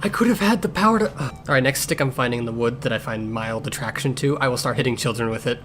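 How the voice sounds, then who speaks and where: A man voices a grumpy cat medic in a cartoon fandub, speaking at medium pitch and a quick pace with a slightly bright, lightly acted tone. Dry, sarcastic and blunt, he answers fans in an improvised-sounding Q&A while prominent music plays behind him.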